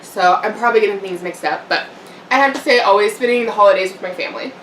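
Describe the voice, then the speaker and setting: A young woman vlogger chats casually while eating on camera in a room at home, rambling with fillers and little laughs. Her mid-range voice is fairly bright and she talks fast. The room is echoey, the mic sits a bit far off, and there's a little hiss or hum.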